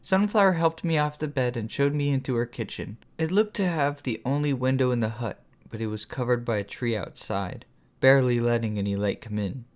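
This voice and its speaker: A man's voice: medium pitch, brisk. Man reading an audiobook steadily. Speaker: author and audiobook narrator. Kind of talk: first-person audiobook narration.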